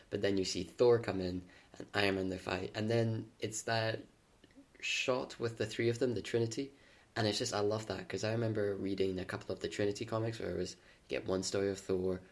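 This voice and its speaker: A man with a very deep voice chats on a podcast. He rambles with enthusiasm and chips in with short agreeing replies. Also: little pitch movement, fast talker. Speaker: podcast co-host. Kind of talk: casual chat.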